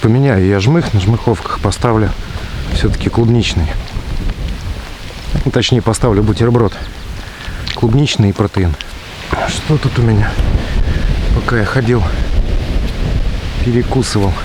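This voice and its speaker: A man's voice: on the low side, measured pace, long pauses. A man giving casual running commentary as he fishes outdoors, in short muttered remarks and exclamations, with wind hitting the microphone. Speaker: fishing vlogger. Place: outdoors by open water in strong wind. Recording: strong wind buffeting the mic outdoors.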